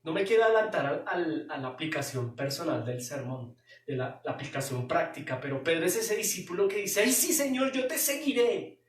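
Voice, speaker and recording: Male pastor, expressive sermon, rhetorical questions, echoey church hall. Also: fairly high pitch, a little fast. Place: church sanctuary. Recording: roomy hall, distant mic.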